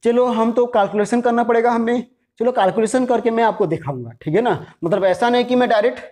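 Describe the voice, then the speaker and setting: A man's voice: very high voice, quick pace, darkish tone. A man teaches a commerce math lesson in a chatty, friendly way. He keeps checking in with short tag questions and coaxes his students to call out their answers. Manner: chatty, repeats "theek hai", coaxes viewers to answer aloud.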